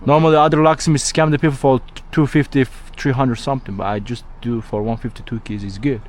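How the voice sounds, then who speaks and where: A fast-talking man from Turkey with a Turkish accent, mid-range voice, and fairly even intonation works as a locksmith at a customer's vehicle. He keeps the chat informal and often repeats himself, in a noisy on-the-job recording.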